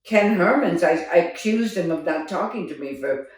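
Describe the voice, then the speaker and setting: An older woman, a theater director, reminiscing in a casual chat, animated and laughing often as she tells stories. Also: fairly low pitch, moderate pace, recorded from a distance. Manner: animated storyteller, laughs often, exclaims "oh my God". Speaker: theater director recalling past productions. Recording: echoey room, voice from off mic.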